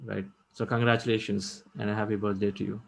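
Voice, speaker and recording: A man's voice: fairly low pitch, little pitch movement, fast talker, creaky, low-quality recording. Encouraging man hosting meditation. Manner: reflective, encouraging, loose and repetitive phrasing. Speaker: meditation session host. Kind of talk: spiritual talk and hosting.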